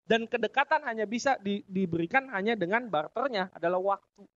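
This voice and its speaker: High-voiced joking Indonesian man speaking. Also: animated, fairly quick, a bit bright, no echo. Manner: joking, chuckles at his own punchlines; addresses audience as "Bapak Ibu sekalian". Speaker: business seminar speaker. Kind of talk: motivational talk to an audience. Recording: dry, dull lo-fi audio.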